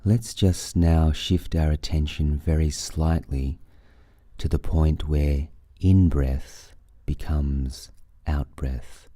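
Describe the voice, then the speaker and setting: Very deep, slow, dark-voiced man guiding meditation. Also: steady tone, dry recording. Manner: soothing, unhurried instruction with long pauses. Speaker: meditation guide. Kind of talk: guided breathing meditation.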